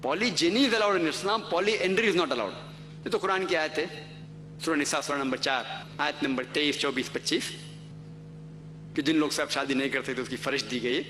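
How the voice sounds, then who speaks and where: A man's voice: fairly high pitch, bright, forceful tone, a little hiss or hum. A man giving an explanatory religious lecture, going through points methodically and citing verses by number.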